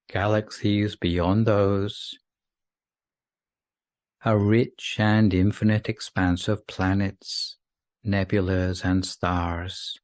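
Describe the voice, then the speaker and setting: Very slowly and gently, a man with a fairly low voice guides listeners toward sleep, separating soothing phrases with long pauses. It's a dry, close recording with very little room.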